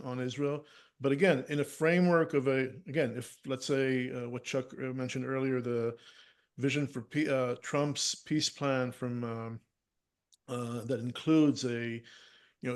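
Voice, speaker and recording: A man speaking as a panelist in a policy discussion, hesitant, with many pauses and restarts. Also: medium pitch, darkish tone.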